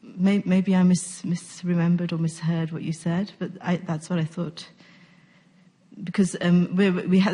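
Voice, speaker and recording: A woman's voice: lowish voice, mellow. A woman in the audience asking questions at a conference, polite and a little hesitant. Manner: polite, slightly hesitant, with fillers. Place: university conference room.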